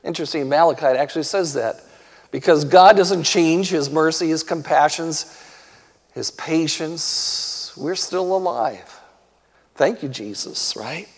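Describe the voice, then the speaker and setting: A man's voice: on the high side, husky. A male pastor preaching a sermon emphatically, pressing his listeners with rhetorical questions. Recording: long hall reverb.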